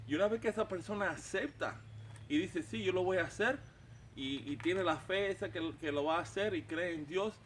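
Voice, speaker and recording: A man's voice: high voice, a little hiss or hum. A man from Cuba, teaching the Bible in an informal, conversational way, repeating words and checking in with his listeners. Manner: repeats words and restarts phrases.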